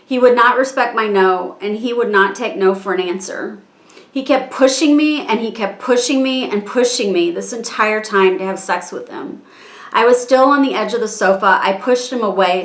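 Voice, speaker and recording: A woman reading her own written statement aloud in a measured, halting way, strained and struggling to keep her composure. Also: mid-range voice. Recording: echoey room.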